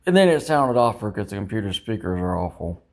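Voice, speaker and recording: A vlogger with a fairly low voice talks a little fast and very animatedly, rambling casually. He keeps second-guessing himself and ruminating, throwing in some mild swearing.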